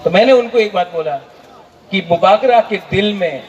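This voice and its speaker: Impassioned high-voiced man at a rally. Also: normal speed, dull audio. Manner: impassioned, repetitive, rhetorical questions. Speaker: political leader addressing a rally. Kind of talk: rally speech.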